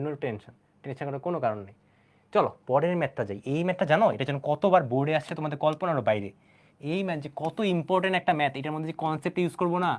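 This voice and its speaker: A young man teaching math in an online lecture, chatty and asking his students questions as he goes. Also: fairly high pitch. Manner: chatty, talks straight to students, asks them questions. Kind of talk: online exam-prep lecture.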